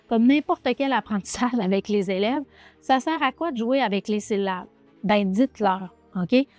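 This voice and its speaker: A woman remedial teacher with a Quebec French accent, explaining a reading exercise to viewers and sounding out syllables, checking in often. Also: on the high side. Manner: animated, addresses viewer directly with many check-ins; sounds out letters and syllables slowly. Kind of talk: teaching demonstration video.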